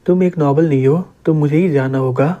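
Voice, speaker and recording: A man reading the part of a calm, confident young male city lord in a comic recap. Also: a little high, fairly quick, lightly acted. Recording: dull lo-fi recording.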